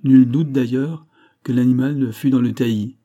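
A man reading a classic adventure novel aloud as an audiobook narrator, in a measured, even literary manner. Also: mid-range voice.

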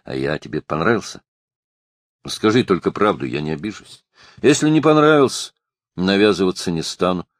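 A strange, quietly stubborn teenage boy, voiced by a male audiobook reader. He speaks in a low, deep, matter-of-fact tone, and the sound is dry and close-miked. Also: expressive, moderate pace, no echo. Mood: earnest.

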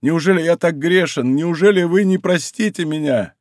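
A man voicing a frightened, dying executioner who speaks in hushed, halting words and then cries out for mercy. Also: medium pitch, dry recording, clean studio sound. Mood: pleading.

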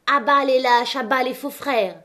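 A woman voicing an angry crowd of striking miners, jeering and shouting. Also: sits high, a little slow, pitched above the performer's own voice.

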